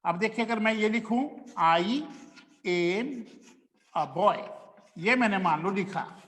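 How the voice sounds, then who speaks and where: A man, teaching pronunciation in a slow classroom lecture that stretches out the example words. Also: sits high, a bit bright, in a large hall.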